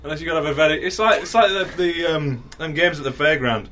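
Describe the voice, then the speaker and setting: A man's voice: on the high side, fast, a bit bright, slight background noise. A man joking and rambling in casual banter, laughing often.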